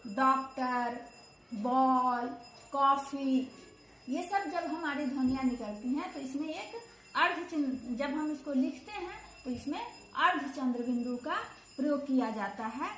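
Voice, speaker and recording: A woman teaching a grammar lesson to children, going slowly, repeating key terms and asking questions she then answers. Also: sits high, a bit bright, a little hiss or hum. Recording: echoey room with faint ambience.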